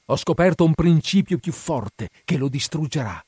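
A man voicing a frenzied, gleeful old Egyptian priest who speaks in a loud, exalted, hysterical way in a dramatic audiobook reading. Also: on the high side, expressive, normal speed, husky, no echo, studio quality, pitched above the performer's own voice.

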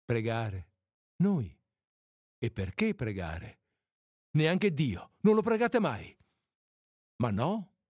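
A man's voice: medium pitch, very animated, drawn-out words, pauses often, a little mellow, no room sound, studio quality, heavily acted. A man doing a patient martian stranger. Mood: calm questioning. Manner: patient, questioning like a teacher. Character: calm, patient male martian visitor.

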